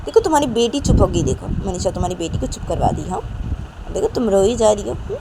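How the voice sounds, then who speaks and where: A woman's voice: medium pitch, animated, fast, gravelly, very noisy. A woman voicing an exasperated young woman, a protective new mother, who insists and scolds in a spoken storybook.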